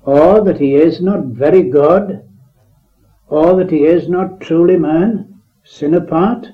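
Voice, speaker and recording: A man preacher reading a written address aloud in a solemn, measured way, heard on an old tape recording. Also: on the high side, phone-quality sound.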